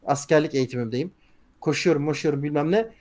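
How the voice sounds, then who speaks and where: Fast-talking male tabletop player. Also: on the high side, a little mellow. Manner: eager, talks fast, tells stories with acted voices. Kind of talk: casual tabletop role-play chat.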